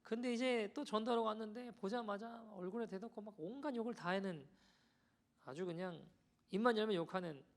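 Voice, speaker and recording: A man preaching a sermon as pastor, conversational and animated as he tells a story to the congregation. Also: sits high, brisk. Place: church sanctuary.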